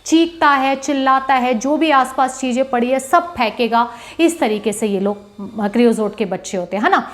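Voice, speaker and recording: A woman with a high voice, teaching a lesson in a lively, animated way. She acts out a child's pleading demands and keeps checking that her listeners follow, slipping English terms in as she explains. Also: normal speed. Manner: mixes English terms into Hindi, asks "है ना?" often. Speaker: homeopathy teacher. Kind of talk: explanatory lecture.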